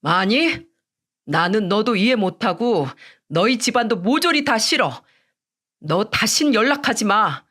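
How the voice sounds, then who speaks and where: A woman's voice: medium pitch, lively intonation, unhurried, a bit bright. Woman reading a young man, lawyer son, firm and resolute. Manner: firm, decisive.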